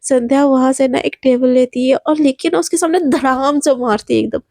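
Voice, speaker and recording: Woman telling a dramatic story casually, high voice, very dry. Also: normal speed, no room sound. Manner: animated, dramatic, mixes in english words.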